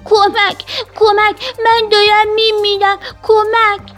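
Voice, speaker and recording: Lady doing a tiny goldfish voice, super high and squeaky, drawn out and slow like a little kid in a storybook. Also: fairly even intonation, faint music behind. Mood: panicked. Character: small scared little female goldfish, curious and naive.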